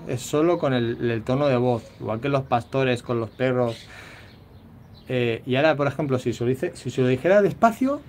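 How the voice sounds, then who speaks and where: A man's voice: medium pitch, slight background noise. A man with an accent from Spain chatting casually to viewers on a phone vlog, loose and full of fillers. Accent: Spanish (Spain). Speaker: vlog host, dog owner.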